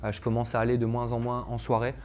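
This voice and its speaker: His delivery is completely flat and fast, with a medium pitch and a darkish tone. He's a young calisthenics coach chatting casually to camera about his life, filling his speech with fillers and addressing viewers directly.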